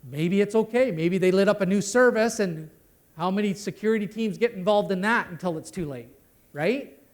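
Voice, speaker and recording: A man's voice: sits high, normal speed. A middle-aged man giving a conversational conference talk on network security, ending many sentences with "right?". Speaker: conference speaker. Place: conference hall.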